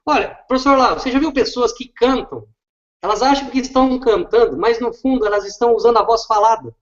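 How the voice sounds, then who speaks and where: A man's voice: very high-pitched, brisk. A man, an educator explaining literacy step by step and often checking with tag questions. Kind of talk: didactic explanation in conversation. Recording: dull lo-fi recording.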